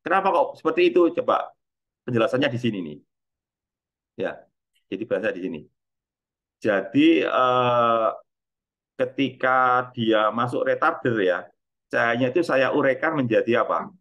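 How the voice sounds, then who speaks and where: A man's voice: medium pitch, expressive, moderate pace, pauses often, fairly bright tone, highs cut off. Middle-aged male physics lecturer, casual and repetitive, quizzes the class and answers his own questions. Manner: asks students questions and answers them himself; conversational, repetitive teaching. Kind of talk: university lecture.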